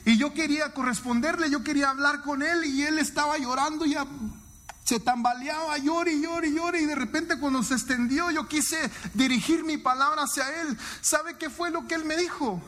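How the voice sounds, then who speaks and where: A man giving an emotional, emphatic sermon testimony to a congregation, his pitch swinging widely. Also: normal speed, sharp tone. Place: church hall. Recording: long church hall reverb.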